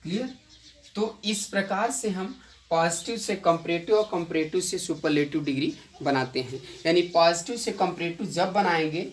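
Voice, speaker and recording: A male English grammar teacher giving a classroom lesson, repeating key points and quizzing his students with quick rhetorical questions. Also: a little high. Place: coaching institute classroom. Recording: echoey room, distant mic, faint noise.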